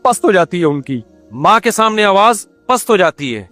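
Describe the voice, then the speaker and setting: High-voiced man preaching a sermon. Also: no room sound, faint music behind. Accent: Pakistani Urdu. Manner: lively, rhetorical questions, recites Quranic Arabic. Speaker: Islamic scholar giving a sermon.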